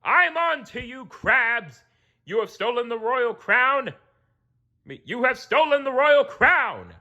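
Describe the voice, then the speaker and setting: A man's voice: high voice, very animated, unhurried, sharp tone, muffled recording, voice pushed up, full character voice. A man reading aloud while voicing a pompous, thundering male merman king in a kingly manner. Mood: commanding.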